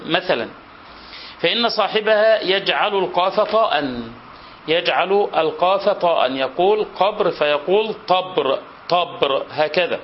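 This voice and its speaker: A sheikh with an Egyptian Arabic accent teaches a classical literature class, reading from the text and patiently repeating each example to explain it. His voice sits on the high side, the recording's highs are cut off, and there is slight background noise.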